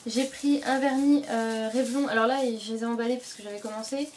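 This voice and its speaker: Young woman beauty vlogger, rambling and casual, slightly high voice, recorded at home with clear background noise. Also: fairly even intonation, brisk, a little mellow. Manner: chatty, many fillers and self-corrections. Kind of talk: casual product show-and-tell.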